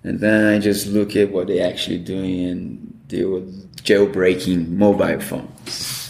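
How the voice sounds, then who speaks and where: This low, gravelly male voice moves at a measured pace and echoes in a reverberant space. He speaks with a Brazilian Portuguese accent, appearing as a guest in an interview where he tells stories with animation and acts out the quoted dialogue.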